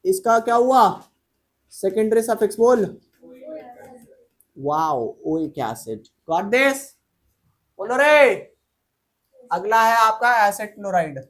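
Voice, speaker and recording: A male teacher whose voice sits high and a bit bright speaks slowly, pausing often, in a casual chemistry lecture. Over and over he poses questions to the class and supplies the answers himself, teasing in slangy terms.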